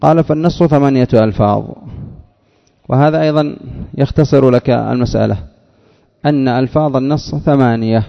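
A man with a gravelly, creaky voice gives a measured grammar lesson and repeats key phrases to his students. His voice carries a long hall reverb, and the recording sounds dull and lo-fi. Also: mid-range voice. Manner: measured, repeats phrases to drive points home. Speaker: teacher. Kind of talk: grammar lesson explaining a text.

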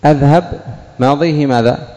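A man teaching an Arabic grammar lesson in a classroom, questioning students and repeating examples slowly. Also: on the high side, warm tone, big-room sound.

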